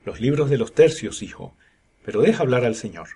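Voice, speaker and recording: A man reading the lines of a calm father fond of history, in a mild, gently firm way. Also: medium pitch, a little fast, breathy edge.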